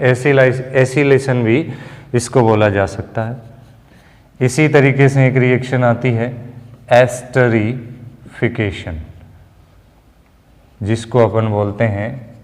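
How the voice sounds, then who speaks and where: A man teaching chemistry in a classroom lecture, explaining slowly and mixing Hindi and English terms. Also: mid-range voice. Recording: long room reverb.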